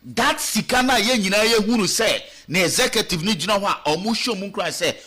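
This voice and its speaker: A man's voice: sits high, animated, fairly quick, sharp tone, slightly rough. A man with a Ghanaian accent giving radio talk show commentary, firing off rhetorical questions and switching between English and Twi. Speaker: political commentator.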